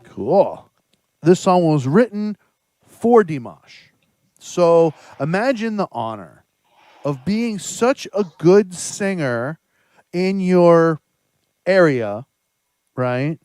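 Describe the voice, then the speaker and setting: A man's voice: fairly high pitch, sing-song, drawn-out words, pauses often, darkish tone, no room sound. A man hosting a musicians' reaction panel, introducing guests with enthusiasm. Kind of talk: upbeat show hosting.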